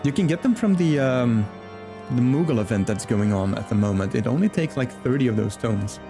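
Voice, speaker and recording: Game music plays under a Flemish-speaking streamer as he chats warmly with his live audience, laughing a lot and calling out viewers by name. He talks a little fast in an expressive, mid-range voice.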